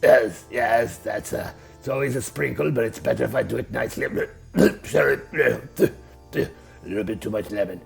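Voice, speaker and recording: An actor playing a flamboyant male shark husband serving a fancy dinner in a comedy sketch, in a theatrical, gravelly voice. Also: medium pitch, moderate pace, soft background music. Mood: suave.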